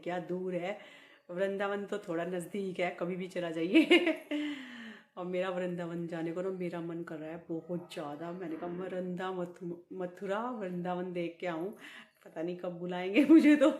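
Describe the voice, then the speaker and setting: Laughing woman vlogger in an echoey room. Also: fairly low pitch. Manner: laughs often while talking. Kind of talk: casual chat to camera.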